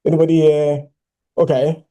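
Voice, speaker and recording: Man, raised voice with a dark soft tone, lively personal speech, "you know" fillers. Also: on the high side, moderate pace. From Ghana. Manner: animated storytelling, frequent "you know" fillers. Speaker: keynote speaker.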